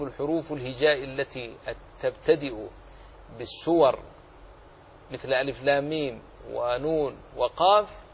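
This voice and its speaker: Teaching a religious lesson on how to recite the Quran, a medium-pitched man speaks in fits and starts, pausing at length, repeating words and naming letters singly. Slight background noise is present.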